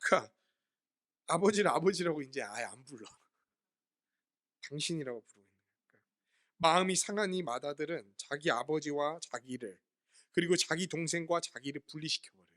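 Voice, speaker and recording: Animated high-voiced male preacher. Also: brisk, long pauses. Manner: asks the congregation questions and answers them himself; explains Greek words from the Bible. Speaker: pastor. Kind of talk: sermon.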